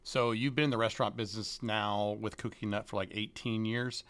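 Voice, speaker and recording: A man co-hosting a casual podcast interview, chatty and relaxed. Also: fairly low pitch, a little fast, smooth, dry recording, clean studio sound. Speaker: podcast co-host.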